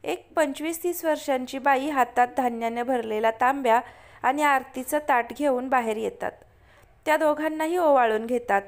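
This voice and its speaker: Woman storyteller, steady plain read, high voice. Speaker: narrator. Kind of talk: storytelling narration.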